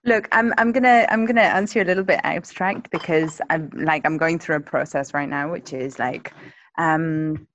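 An actress chatting casually as a guest, rambling with many fillers and restarts. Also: female voice, deep voice, normal speed, fairly bright tone, muffled recording, a little hiss or hum. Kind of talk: casual conversation.

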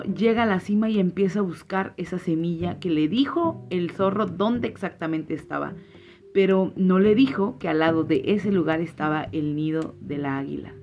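Earnest woman podcasting over guitar. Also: lowish voice. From Chiapas, Mexico. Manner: earnest, grateful, reflective. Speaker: podcast host. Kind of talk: heartfelt podcast monologue and fable telling. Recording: slightly muffled, faint guitar music.

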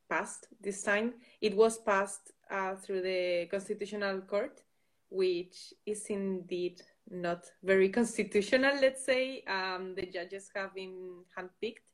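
A woman in her twenties from the Basque Country, speaking with a Basque accent as a non-native speaker, answering live interview questions in a hesitant way with pauses. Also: medium pitch, fairly even intonation. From Basque Country, Spain. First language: not English. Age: 20s. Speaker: guest, student and think-tank intern.

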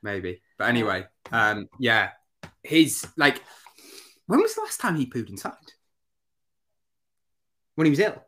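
A man's voice: medium pitch, wildly swooping pitch, unhurried, long pauses, pushed and bright. A man co-hosting a casual podcast, telling rambling stories with fillers and a bit of swearing. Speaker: podcast co-host. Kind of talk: casual chat.

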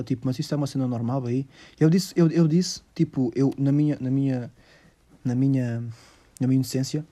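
A young man with a Lisbon Portuguese accent chats straight to his listeners. His voice is very dark and mellow. He rambles through the story in loose slang, tossing in English words as he goes. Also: medium pitch. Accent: European Portuguese, Lisbon. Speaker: vlogger telling a personal story. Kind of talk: casual storytelling monologue.

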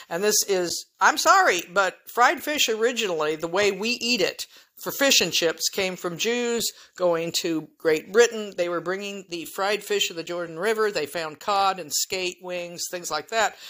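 A woman's voice: fairly low pitch, moderate pace, fairly bright tone. A woman hosting her own podcast, talking in a rambling, frank monologue full of chatty asides. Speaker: podcast host. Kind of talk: casual monologue.

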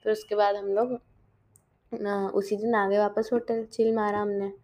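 A woman's voice: medium pitch, level tone, unhurried, highs cut off. A teenage girl chatting casually in a diary-style vlog, mixing in English and often correcting herself mid-sentence. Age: teens. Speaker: vlogger.

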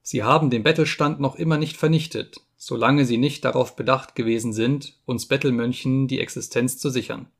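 A man's voice: medium pitch, fairly even intonation, a little fast, few pauses, lightly acted. A man voicing a furious old friar who rants and quotes scripture, in an audiobook reading. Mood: indignant. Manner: ranting, quoting scripture.

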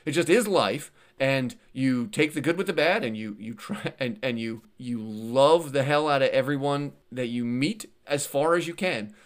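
A man's voice: mid-range voice, normal speed, hardly any pauses. A man talking as a guest in a casual interview, telling stories earnestly, often repeating and restarting words and laughing lightly as he goes. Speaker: podcast guest.

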